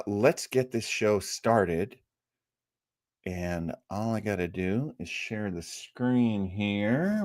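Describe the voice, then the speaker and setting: With a lowish voice and studio-quality sound free of echo, a man hosts a casual live stream. He talks with rambling enthusiasm and acts out quoted lines of conversation along the way.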